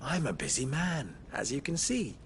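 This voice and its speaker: A man's voice: medium pitch, wildly swooping pitch, a little hiss or hum. A man playing a smug, swaggering young merchant in a mocking, pompous, theatrical period fantasy drama style. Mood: smug, condescending. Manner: mocking, pompous, drawn-out delivery.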